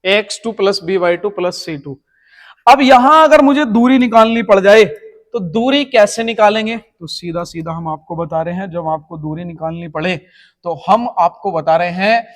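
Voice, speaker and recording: A man teaches math for an exam, walking through each step of a formula and pausing to ask whether his students are following. His voice sits high for a man. The sound carries a long, echoey room reverb. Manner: explains step by step, keeps checking students follow. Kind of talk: exam-prep math lecture.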